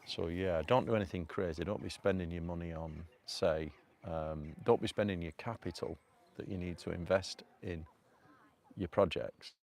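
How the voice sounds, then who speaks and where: A man's voice: low voice, fairly even intonation, normal speed, darkish tone. A man with a Manchester accent talking casually on a live stream outdoors, rambling and chatty, with lots of fillers, speaking into a phone on a selfie stick. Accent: Northern English (Manchester). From North Manchester, England. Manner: rambling, chatty, laughs often, many fillers. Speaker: vlogger. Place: outdoors at a rocky cove by a river.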